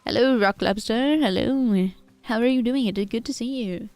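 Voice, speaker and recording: A woman's voice: a little high, moderate pace, no room sound. A woman streaming a game, speaking in a stiff, formal put-on character accent while greeting raiders and chatting. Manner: greets raiders and chat warmly. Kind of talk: live gaming stream chat.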